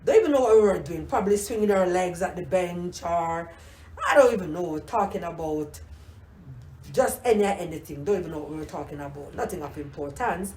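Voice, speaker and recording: An older Jamaican grandmother, lowish-voiced and expressive, talks fairly quickly in her Jamaican accent. Recalling the past warmly in a casual oral history interview, she repeats words and says "you know" frequently, captured in a roomy recording with a little hiss or hum.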